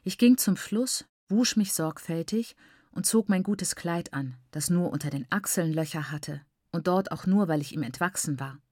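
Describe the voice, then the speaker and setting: A woman narrating a first-person story in a measured, expressive reading. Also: on the low side, dry recording, clean studio sound. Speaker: audiobook narrator.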